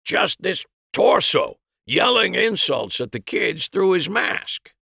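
Storybook amateur sleuth acted by a male narrator: raised pitch, emphatic, swooping explanations. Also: big pitch swings, slow, vocal fry, sharp tone, breathy edge, no echo, studio quality, exaggerated voice. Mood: emphatic explaining.

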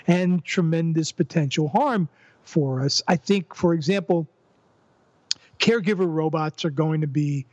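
A man's voice: high-pitched, no room sound, muffled recording. An older man, a former professor, talking through ideas in a podcast interview, often restarting and repeating words as he builds a point. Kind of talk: conversational interview.

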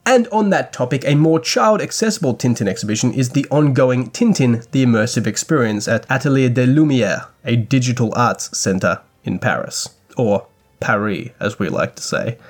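Lively, wry man hosting a podcast. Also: medium pitch, moderate pace, hardly any pauses, faint music behind. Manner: dry, wry asides. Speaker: podcast host. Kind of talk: scripted news commentary.

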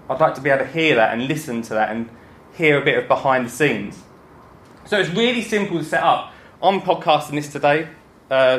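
A man with an Essex accent gives an informal, joking, self-deprecating talk to an audience as a gardening podcaster. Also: fairly high pitch. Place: indoor talk before an audience, roomy space. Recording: echoey room with some background noise.

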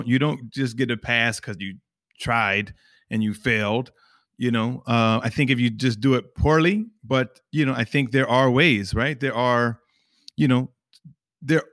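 A man in a casual panel discussion, talking haltingly with many restarts. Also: medium pitch, a bit bright, no echo, studio quality.

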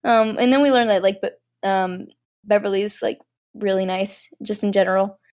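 A woman's voice: mid-range voice, steady tone, normal speed, darkish tone. Chatty eighteen-year-old woman, rambling recap. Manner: rambling, filler-heavy, self-deprecating. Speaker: podcast co-host. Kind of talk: casual movie recap chat.

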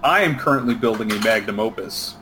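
A man co-hosting a casual gaming podcast, talking haltingly with many restarts. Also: fairly low pitch, background noise. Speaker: podcast co-host. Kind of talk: casual chat.

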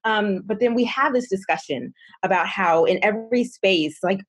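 A woman who teaches classes, explaining a classroom activity in a relaxed way. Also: mid-range voice, normal speed, breathy edge. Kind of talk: conversational explanation.

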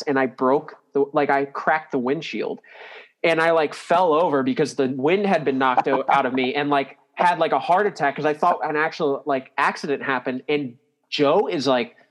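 A man's voice: fairly high pitch, a bit bright. A man casually retelling an old road story, rambling and full of "like" fillers as he corrects himself mid-sentence. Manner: rambling, heavy use of "like", self-correcting.

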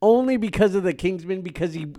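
A man chats about movies as a co-host. His voice sits a bit higher than average for a man. The delivery is casual and conversational. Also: fast talker, dark tone. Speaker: podcast co-host. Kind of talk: casual film discussion.

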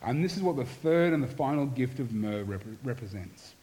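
Male pastor, middle-aged, earnest sermon delivery, mid-pitched voice, swings from lively to hushed. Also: normal speed, poor audio.

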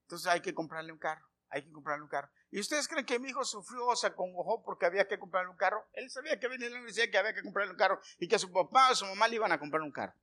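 A middle-aged man preaching a sermon, telling homely stories and firing questions at the congregation, swinging from loud calls to quiet asides. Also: sits high, animated, rapid-fire, hardly any pauses. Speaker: pastor.

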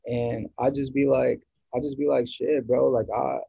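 A man's voice: mid-range voice, flat delivery, normal speed, vocal fry, breathy edge, no echo, muffled recording. A man from the US East Coast, a guest musician in a casual podcast chat, rambling and searching for words with many restarts.

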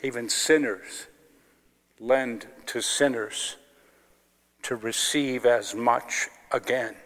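Slow, solemn clergyman in cathedral echo. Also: medium pitch, a bit bright. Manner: deliberate, broken into short phrases. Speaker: clergyman reading the Gospel. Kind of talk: solemn liturgical Gospel proclamation. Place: large reverberant church. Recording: cathedral-like echo, long reverb.

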